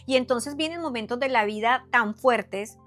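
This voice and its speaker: Faint music plays behind this middle-aged Cali-accented woman as she delivers an earnest devotional talk and testimony to followers. She is a psychotherapist, her voice a little high and somewhat bright, her pace moderate, and she leans on repeated phrases and rhetorical questions for emphasis.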